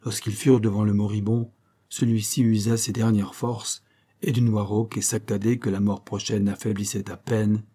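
A man narrating an adventure story as an audiobook in a steady, measured reading. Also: on the low side.

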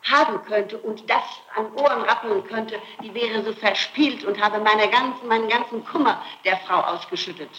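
The lo-fi, noisy archival tape holds the testimony of a middle-aged woman suspect who keeps emphatically restating her defense under interrogation. Her fairly high, slightly bright voice moves at normal speed with few pauses.

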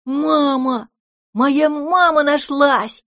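Woman doing a storybook kitten boy: high, squealing, eager, dry close sound. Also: normal speed, no echo, lightly acted. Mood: joyful. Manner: squealing, excited.

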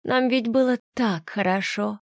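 Audiobook: woman voicing a manipulative, melodramatic seductress, high, coy and whiny, dry close sound. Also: measured pace, dry recording. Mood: coquettish. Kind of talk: audiobook reading.

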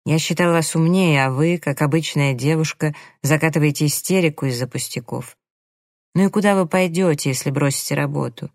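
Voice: medium pitch, no echo, clean studio sound, natural voice. A reader voicing a condescending man who coaxes his secretary in an audiobook. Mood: scolding. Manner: coaxing, slow, smirking. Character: male employer, smooth seducer, condescending. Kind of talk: audiobook character reading.

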